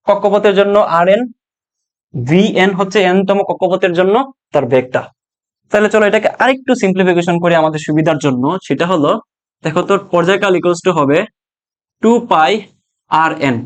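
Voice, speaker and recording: High-voiced man teaching physics. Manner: explains step by step, often checks understanding with "ঠিক আছে?"; colloquial, jokes to students. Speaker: physics tutor. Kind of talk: online exam-prep lesson.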